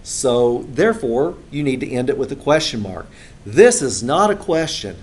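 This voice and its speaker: A man's voice: medium pitch, big pitch swings, moderate pace, a little mellow, breathy edge. A male instructor giving a classroom lecture in a conversational way, with frequent filler sounds, recorded in a classroom.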